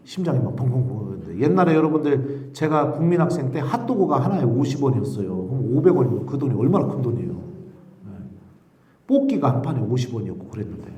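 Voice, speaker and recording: Middle-aged priest preaching in a roomy hall. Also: male voice, mid-range voice, far from the mic. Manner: animated storyteller, acts out shouted quotes. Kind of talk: sermon with a personal story. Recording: roomy echo, voice from off the mic.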